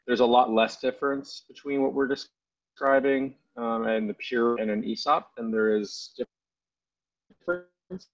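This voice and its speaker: A man's voice: medium pitch, no room sound. A man on a glitchy call that keeps cutting out. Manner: halting, broken-up phrases. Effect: glitchy audio that keeps cutting out. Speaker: webinar panelist. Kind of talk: explaining on a video call. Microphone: computer on a video call. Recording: dull lo-fi call audio with dropouts.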